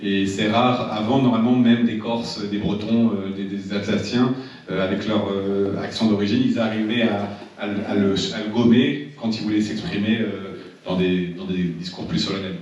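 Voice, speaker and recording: In a seminar room, a man trains a live audience in public speaking, talking casually with many restarts and repeated words. His voice is on the low side, steady, and darkish, at a moderate pace. The recording is echoey and dull from a distant mic, with a little hiss or hum.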